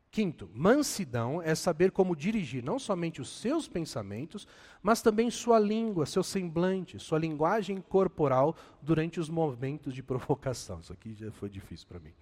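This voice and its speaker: A Brazilian pastor preaches in a lively, swinging voice that sits fairly high for a man. His delivery is animated and sprinkled with self-deprecating humor. The sound carries a long hall reverb. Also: moderate pace. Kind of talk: sermon.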